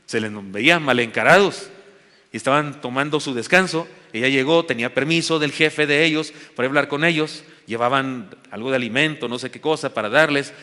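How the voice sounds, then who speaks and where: A man's voice: mid-range voice, brisk, pushed and bright. A man with a Mexican Spanish accent preaching a sermon as pastor, telling a story earnestly and building to emphatic exhortation. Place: church sanctuary with long reverb. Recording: church hall reverb.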